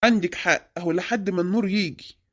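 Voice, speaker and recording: A woman with a lowish voice and an Egyptian Arabic accent plays a grumpy, preachy father in an Egyptian cartoon, talking fast in a grumbling mood. Her voice stays close to an everyday speaking voice.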